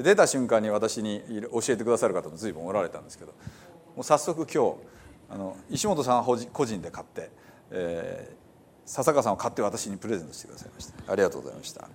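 A man's voice: on the low side, big pitch swings, quick pace, darkish tone, slight background noise. A man, a pastor, talking casually to his congregation in a chatty, amused way. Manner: chatty, amused, reads quotes with a laugh.

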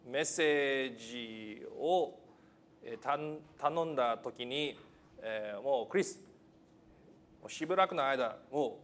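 With a mid-range voice, a non-native speaker of Japanese gives a church sermon in a halting yet light-hearted manner. Fillers come often, and so does his humor at his own expense.

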